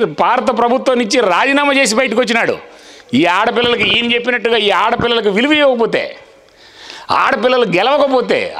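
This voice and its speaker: A man speaks in a very high, lively voice. He delivers a fiery speech at a village meeting, repeating his points and pressing the crowd to answer him. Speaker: public speaker.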